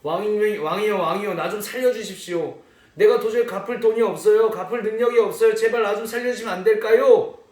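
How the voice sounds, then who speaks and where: A man's voice: high voice, fairly quick, hardly any pauses, distant mic, natural voice. A man voicing a male servant in debt who begs desperately and then bullies his friend, in an echoey room. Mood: pleading.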